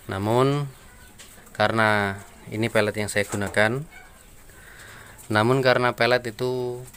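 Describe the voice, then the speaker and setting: A rabbit farmer, explaining feed tips to viewers in a relaxed, friendly vlog. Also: male voice, on the low side, slight background noise. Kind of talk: casual how-to vlog. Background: birds and chickens.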